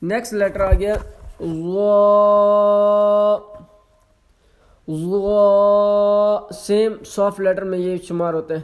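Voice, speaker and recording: A man teaching Quran letter pronunciation online, stretching each letter sound slowly and explaining quickly in between, with some English mixed in. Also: high-pitched, fairly even intonation, darkish tone. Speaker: Quran reading tutor.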